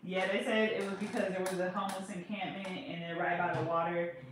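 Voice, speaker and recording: A woman's voice: lowish voice, level tone, fairly quick, recorded from a distance. A woman with a California accent, a hair braider teasing a client in casual chat at home. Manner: joking, teasing, slangy. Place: home living room. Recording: echoey room, faint noise.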